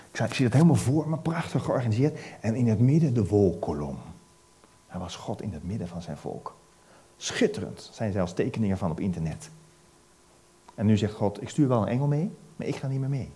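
A man preaching, retelling a Bible story in a lively way and asking his listeners questions. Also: on the low side.

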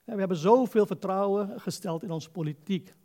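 A man's voice: high voice, brisk, warm tone. A man preaching an informal, conversational sermon as a pastor, exhorting his listeners and putting rhetorical questions to them.

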